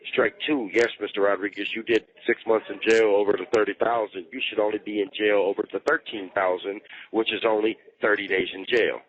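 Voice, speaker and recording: Over a tinny jail phone, a man with a lowish, fairly flat voice talks a little quickly in a relaxed personal chat. He keeps repeating his explanations, full of slang and cursing.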